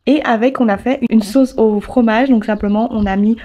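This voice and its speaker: A woman's voice: a little high, normal speed, lo-fi sound. A young woman, chatting casually in a voice-over about what she ate, with lots of little fillers. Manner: chatty, relaxed, full of fillers like "euh" and "voilà". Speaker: food vlogger.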